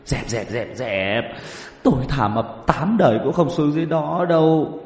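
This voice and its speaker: A man's voice: medium pitch, big pitch swings, normal speed, darkish tone, faint music behind, voice pushed up, close to an everyday voice. A man voicing a cowardly, panicky plump young man who stammers and whines shrilly in an audiobook story. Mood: panicked refusal. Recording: roomy reverberant recording.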